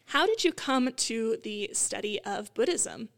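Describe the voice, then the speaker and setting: A woman's voice: a little high, lively intonation, a little slow, gravelly, fairly bright tone. A woman hosting an interview podcast, talking in a chatty conversational way with frequent fillers. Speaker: podcast host.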